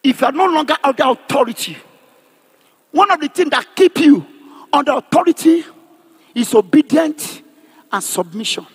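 Nigerian pastor preaching in a very high, shouting voice. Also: male voice, expressive, normal speed, pauses often, long reverb tail. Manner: preaching loudly with frequent shouts and call-and-response. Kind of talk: sermon. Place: large convention hall.

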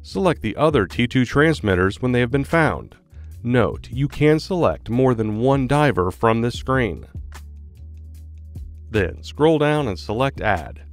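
Reading tutorial narration as a product support narrator, a man speaks with careful, clear enunciation in an instructional, measured manner, yet sounds very animated. His pitch is medium, and music plays in the background.

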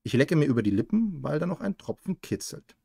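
A man's voice: on the high side, very animated, brisk, creaky, dark tone, breathy edge, dry recording, clean studio sound. A man co-hosting a livestream, reading a novel aloud with small stumbles and self-corrections.

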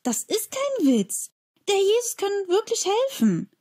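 A woman's voice: very high-pitched, wildly swooping pitch, unhurried, darkish tone, pitched above the performer's own voice, full character voice. A woman voicing an earnest young schoolboy who pleads and believes in storybook scenes.

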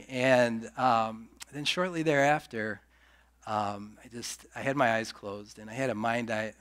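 A man's voice: mid-range voice, bright, forceful tone, smooth. A man giving a personal testimony in a church sermon, talking conversationally with many fillers and restarts and acting out the voices of people he quotes. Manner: acts out quoted speech and gestures. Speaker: church member sharing testimony. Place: church sanctuary.

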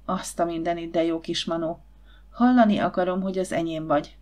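A woman voicing a gruff, passionate man in an audiobook, speaking in a low, hushed murmur. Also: steady tone, natural voice.

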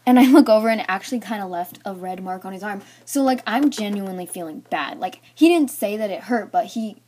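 A teenage girl, a storyteller vlogger, chats through a personal story in a casual storytime, acting out parts with toys. She rambles heavily, using "like" in every sentence. Her mid-range voice is expressive and a little fast, with a darkish tone.

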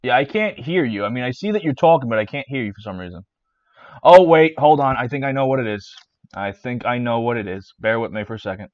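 A man's voice: medium pitch, expressive, fast, dry recording. Laid-back male streamer, desk mic, dry and slightly dull sound, rattles off card names. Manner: reads card names off in a list, with fillers and restarts. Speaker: streamer opening trading card packs. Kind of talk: casual live-stream chat.

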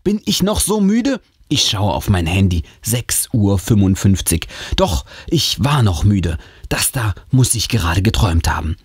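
A man reading a horror story aloud in an expressive, dramatic way. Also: deep voice, measured pace, breathy edge, dry recording, clean studio sound. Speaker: audiobook reader.

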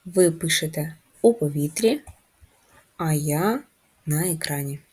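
Woman teacher, dark slightly husky voice. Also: sits low, expressive. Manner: slow, clear syllable-by-syllable explanations. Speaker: primary school teacher. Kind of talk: first-grade handwriting lesson.

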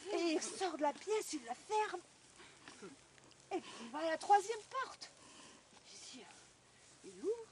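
Animated woman storyteller. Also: extremely high pitch. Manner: animated, addresses listeners directly. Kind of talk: live oral storytelling. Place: outdoors on a storytelling walk.

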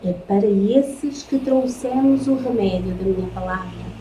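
A woman with a European Portuguese accent giving a spiritist lecture, reading from slides in slow, measured phrases with solemn pauses. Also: mid-range voice. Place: lecture room in front of a projected slide. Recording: echoey room, faint noise.

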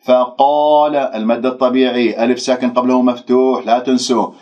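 Male recitation tutor, mid-pitched. Drills sounds slowly, explains rules crisply. Muffled, lo-fi recording. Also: steady tone, a little mellow. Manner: corrective, drills single syllables slowly, then explains rules briskly. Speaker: Quran recitation teacher. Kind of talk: pronunciation lesson. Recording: dull lo-fi recording.

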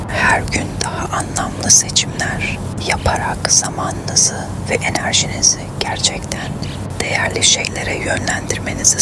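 A narrator reading a script in a hushed, breathy ASMR whisper, quiet as if late at night.

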